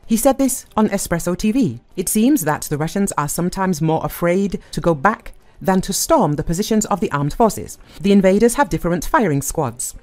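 A woman narrating a news report as a voice-over in a measured, formal read, stressing each new section. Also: fairly low pitch, expressive, darkish tone.

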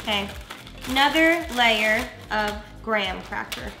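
A woman's voice: fairly high pitch, lively intonation, unhurried, creaky. A young woman co-hosting a cooking show in casual, giggly, tipsy, playful banter with some swearing, recorded across a kitchen counter. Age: young adult. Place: bright home kitchen. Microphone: camera across the counter. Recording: echoey room with music. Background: background music.

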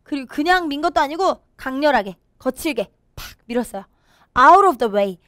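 High, animated woman teaching a storybook. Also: normal speed, dry recording, studio quality. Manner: animated, explains word by word, gasps. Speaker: English teacher. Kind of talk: storybook read-aloud lesson.

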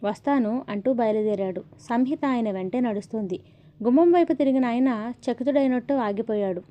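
A woman narrating a novel in a steady, even storytelling manner. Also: a little high, a little fast. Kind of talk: audiobook novel reading. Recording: dull lo-fi audio.

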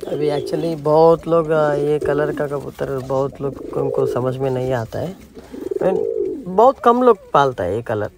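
A man's voice: a little high, lively intonation, unhurried, a little mellow. A man casually walking visitors around his outdoor pigeon loft and explaining his birds. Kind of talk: casual vlog walkthrough. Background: pigeons cooing.

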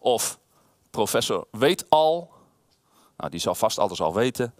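A man's voice: fairly low pitch, unhurried, no room sound. Een man leest een kinderverhaal voor aan een groepje kinderen, speels en met veel beweging in zijn stem. Hij spreekt de kinderen direct aan. Droog en dichtbij opgenomen, zonder galm. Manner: lively, playful, addresses children. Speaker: alderman reading to children. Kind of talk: reading a children's story aloud. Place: room with children present.

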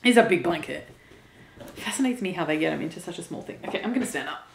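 A woman's voice: fairly low pitch, expressive, fast talker, vocal fry, echoey room, heavy background noise. A woman chatting casually as she unboxes craft goods, gushing, emotional and laughing often. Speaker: cross stitch vlogger.

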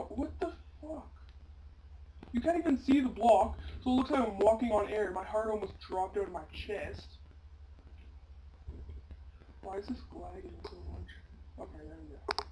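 A woman giving casual, chatty gameplay commentary, breaking into sudden loud exclamations. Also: medium pitch, rough recording. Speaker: gameplay video maker. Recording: loud background noise.

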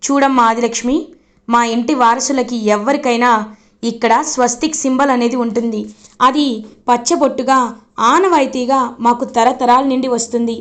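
An older family patriarch explains things patiently but firmly, voiced by a woman narrator. The delivery stays plain and high-pitched, much like her own telling voice. It comes from a spoken recap of a serial. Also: fairly even intonation, moderate pace, close to an everyday voice. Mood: explaining. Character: calm older male family elder.

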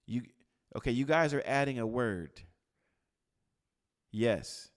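Male preacher, mid-range voice, teaching a live group; calls on listeners by name, goes from loud to hushed. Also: mid-range voice, slow. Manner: quizzes the room, calls on people by name; animated, swings from loud to hushed. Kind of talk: interactive sermon. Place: church gathering with a live group.

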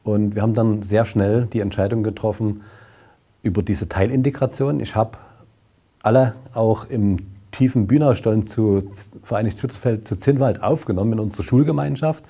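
A man in his sixties, a school principal, speaking formally and at a measured pace to the camera in a classroom, on a lapel mic. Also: lowish voice, mellow. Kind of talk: welcoming, explanatory address to camera.

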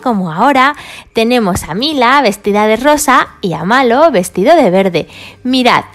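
A woman presenting toys and explaining them cheerfully to children. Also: sits high. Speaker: toy video presenter. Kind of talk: toy play and review for children.

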